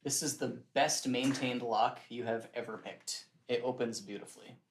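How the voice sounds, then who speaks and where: A young man running a tabletop game as game master, describing scenes in a relaxed way and laughing often. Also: mid-range voice, normal speed, reverberant.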